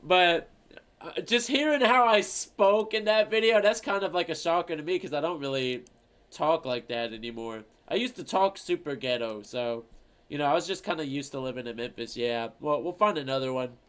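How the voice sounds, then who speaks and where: A man's voice: fairly high pitch, lively intonation, normal speed, a bit bright, clean tone. A man streaming, reacting to an old video of himself, rambling and swearing casually with a lot of fillers. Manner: rambling, profane, lots of fillers.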